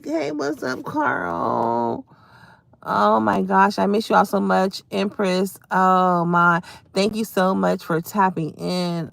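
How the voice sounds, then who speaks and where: A woman's voice: mid-range voice, creaky, a bit bright, dry recording. A woman hosting a casual live stream from home, chatting to her viewers and calling them y'all and baby. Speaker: livestream host.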